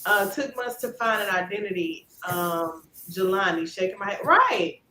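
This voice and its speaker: A woman in her forties hosting a casual gossip commentary, talking in an animated, emphatic way. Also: moderate pace, slight background noise. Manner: animated and emphatic, drops low when doubtful. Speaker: channel host. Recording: roomy echo.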